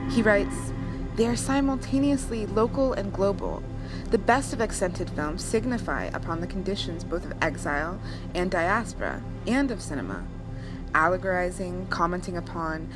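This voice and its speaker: A woman reading a scripted essay narration about cinema in a measured, deliberate academic manner. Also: lowish voice. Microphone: voice-over. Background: music.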